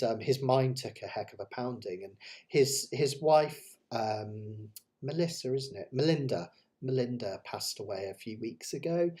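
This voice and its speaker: Hosting a ukulele play-along livestream, this West Country man chats casually with his viewers, rambling along with enthusiasm and plenty of self-deprecation. He has a lowish voice with a darkish tone.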